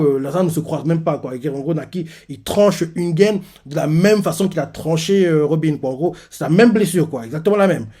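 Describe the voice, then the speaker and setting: A man's voice: a little high, warm tone. Rambling young man's manga reaction. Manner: rambling, full of fillers and "en gros". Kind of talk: casual reaction commentary.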